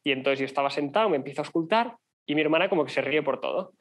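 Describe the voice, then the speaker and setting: A man's voice: fairly high pitch, animated. A young man from Spain telling a personal story to a conference audience, chatty and full of fillers. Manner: fast, chatty, many fillers. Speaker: conference speaker.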